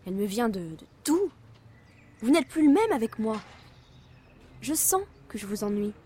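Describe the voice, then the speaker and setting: A woman playing a sulking, tearful young lover in an amateur audio drama, evasive and halting, then reproachful. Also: a little high, sing-song, dark tone, slightly rough. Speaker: voice actress.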